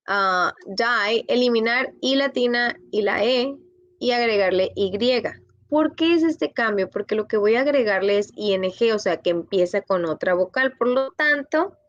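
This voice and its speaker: A woman's voice: fairly high pitch, no echo, lo-fi sound. Woman teaching English grammar patiently. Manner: patient, explains in Spanish and repeats in English. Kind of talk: bilingual grammar lesson.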